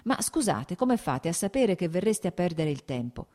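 A woman reading an audiobook, voicing an agitated, sickly radical man who declaims loudly and irritably. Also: on the low side, sing-song, moderate pace. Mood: scornful. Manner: loud, heated, irritable declaiming.

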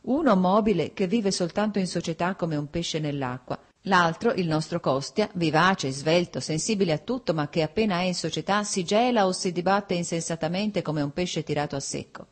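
A woman reading the part of a witty, refined gentleman scholar, with a measured, ironic delivery. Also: fairly low pitch, lightly acted. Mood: wry.

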